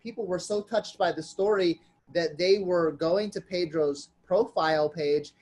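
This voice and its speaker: A man hosting a podcast, explaining what happened next in plain, relaxed talk. He restarts his sentences now and then. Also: sits high, unhurried. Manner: conversational, explaining with small restarts. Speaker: podcast host.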